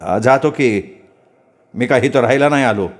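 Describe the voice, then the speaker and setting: A man's voice: medium pitch, moderate pace, lightly acted. A man voicing a bitter young farmer. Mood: resentful. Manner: plain, grumbling, resentful. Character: young male farmer, poor, bitter, weary.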